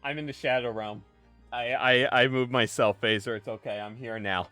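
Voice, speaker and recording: A man's voice: mid-range voice, steady tone, normal speed, sharp tone, no echo, soft background music. A man streaming a game, reading its dialogue aloud and teasing his guests playfully.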